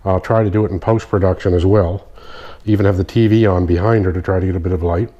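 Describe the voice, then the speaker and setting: A man's voice: low-pitched, steady tone, fast, dark tone, lo-fi sound. A man with a stuffy, nasal voice from a sinus infection, explaining a technique in a casual demonstration and often stopping to correct himself. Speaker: kinesiology practitioner. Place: indoor room at night, dim light. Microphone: phone.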